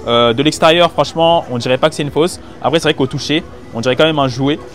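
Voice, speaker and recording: Man, fairly high voice, casual slangy vlog, thinking aloud, candid hidden-mic market recording, faint music underneath. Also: quick pace. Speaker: vlogger reviewing market goods to viewers. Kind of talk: casual spoken vlog, addressing viewers. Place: busy market stalls, recorded on location.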